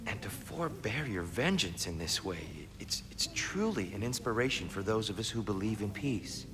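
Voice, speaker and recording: An actor playing a humble, world-weary pacifist god in a video game, earnest and soft-spoken. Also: male voice, fairly low pitch, lively intonation, normal speed, a crowd in the background, natural voice. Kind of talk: video game character acting.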